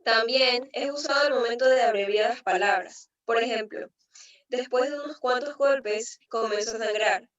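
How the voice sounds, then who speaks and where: A woman's voice: moderate pace, fairly bright tone. A young woman giving a class presentation as a student, reading explanations and examples steadily. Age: young adult. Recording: distant, muffled low-fi recording.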